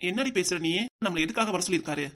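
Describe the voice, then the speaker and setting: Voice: mid-range voice, expressive, fast talker, fairly bright tone. A voice actor playing a caring older village father in a cartoon family drama, soothing and coaxing in manner. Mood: scolding.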